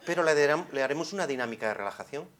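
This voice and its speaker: Amid crowd noise in a conference hall, a male psychologist lectures very fast in a slightly high voice. His delivery is expressive, swinging from hushed to loud, and peppered with rhetorical questions.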